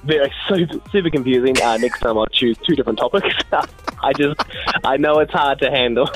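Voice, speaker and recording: A man's voice: mid-range voice, brisk, rough recording. A man with a New Zealand accent giving casual, humorous news chat in an informal, giggly, hesitant storytelling way. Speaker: radio news segment correspondent. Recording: faint music behind. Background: music.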